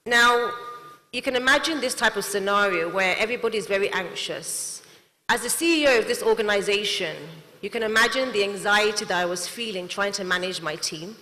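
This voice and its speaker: A young adult female CEO and manufacturer, not from Nigeria, speaks briskly to a large-hall audience in a medium-pitched, bright and forceful voice. Her earnest speech is prepared, and the recording has long hall reverb.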